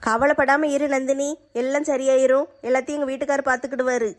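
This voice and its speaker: Brisk, even-voiced motherly woman. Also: high voice. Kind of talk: family skit acting.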